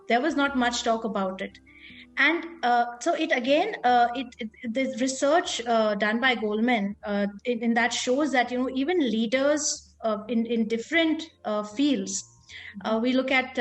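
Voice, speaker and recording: A woman with a fairly high voice speaks as a guest in a relaxed interview. She explains her points at length and retells a children's story along the way. Soft music plays faintly behind her. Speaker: guest, school founder. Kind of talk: conversational interview.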